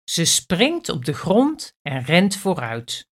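A woman reading a children's story aloud at an unhurried pace. Her voice rises and falls a great deal as she tells it. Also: on the low side. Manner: lively, expressive.

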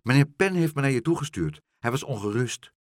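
A man voicing a cheerful, chatty male seagull who squawks loudly, in a spoken storybook. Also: mid-range voice, lively intonation, brisk, dry recording, studio quality, natural voice. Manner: loud and squawking.

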